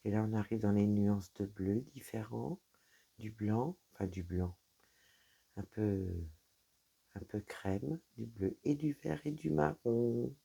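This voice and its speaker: She has a warm, gravelly bass voice with a breathy edge and speaks at a slow pace. Chatty and casual, this crafting vlogger talks directly to viewers as she unboxes and handles items, using fillers like "voilà" and "donc" a lot.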